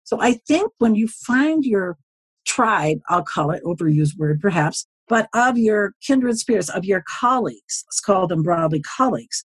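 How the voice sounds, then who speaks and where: Casting: woman in her 70s, husky, dry close sound, chatty storyteller who wanders into asides. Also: medium pitch, animated, unhurried, no echo. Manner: rambling, folksy, often circles back with asides. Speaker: podcast guest, social media consultant. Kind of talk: casual storytelling interview.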